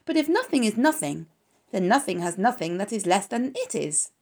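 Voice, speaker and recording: A woman voicing a young, lonely male pig who talks in a high, pleading, whiny way. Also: sing-song, moderate pace, darkish tone. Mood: earnest.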